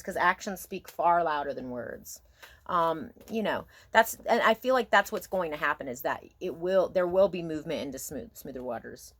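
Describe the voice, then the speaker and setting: Musing woman with a lowish voice reading tarot. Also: fairly bright tone. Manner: musing, halting, asks herself questions and checks in with "okay?". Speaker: tarot card reader. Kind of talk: casual intimate tarot reading, thinking aloud.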